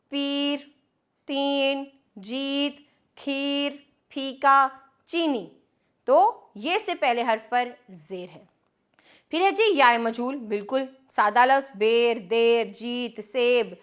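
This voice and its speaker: Slow, patient woman teaching a lesson. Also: a little high, a bit bright. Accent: Urdu. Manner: patient, explains step by step, drills word lists. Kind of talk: classroom lesson on spelling rules.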